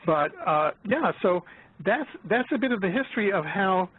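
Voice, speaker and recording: A man in his seventies speaks as a guest over a thin, phone-like line. His voice sits a little higher than most men's. He talks haltingly, circling back with fillers and restarts. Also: expressive, husky. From United States. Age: 70s. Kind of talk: casual chat.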